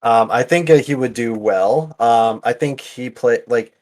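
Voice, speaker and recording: A man of middle pitch talks casually, hesitating often and leaning on filler words. He sounds like a relaxed podcast co-host. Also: a little slow. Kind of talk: casual chat.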